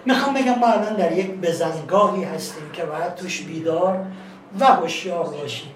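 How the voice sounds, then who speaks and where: A man giving a lecture as a guest teacher, telling a story in an animated storyteller's manner. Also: a little high, a little hiss or hum. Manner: animated storyteller, acts out voices. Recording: echoey room, distant mic, faint ambience.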